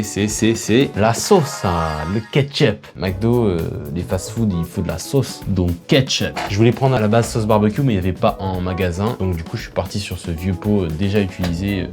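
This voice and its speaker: A man's voice: lowish voice, darkish tone. A man recording a casual video in his bedroom, making music and chatting with viewers in a self-mocking way. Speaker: music producer YouTuber.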